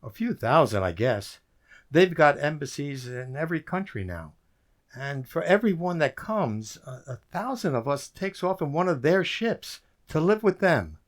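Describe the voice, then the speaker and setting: Playing a tired, wry government code breaker looking back on his story, a man performs in a community radio play that blends narration with dialogue. His voice is a little high and sing-song, moving at a moderate pace, and the mood is resigned and wry. The sound is distant and roomy, captured on stage with noise.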